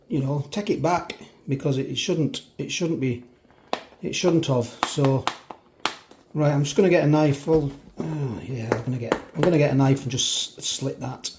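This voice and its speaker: A man's voice: fairly high pitch, a little slow, reverberant, background noise. A man doing a casual review of a supermarket meal kit in his kitchen, chatty and self-mocking with rambling asides. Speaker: food reviewer. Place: home kitchen.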